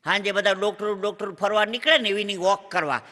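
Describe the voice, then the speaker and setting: A high, very bright, forceful male voice with a lilt, telling a string of comic stories to a live crowd. He is a punchy joke-teller who slips into bits of dialogue as he goes. His voice rings out with the long reverb of a large hall. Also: fast talker, slight background noise. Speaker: stand-up comedian. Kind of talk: Gujarati comic storytelling on stage. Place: stage before a live audience in a large hall.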